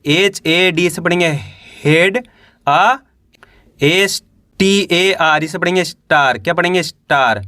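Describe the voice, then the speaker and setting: A man's voice: high voice, slow, bright, forceful tone, no room sound, clean studio sound. A man teaching English reading, spelling each word letter by letter and then asking the listener to repeat it.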